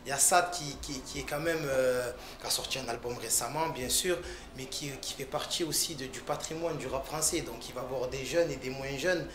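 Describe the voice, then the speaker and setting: Male rapper, casual interview, mid-pitched, stop-start delivery, roomy echo. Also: background noise. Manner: loose, halting speech with frequent restarts and fillers. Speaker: rapper interviewed about his music.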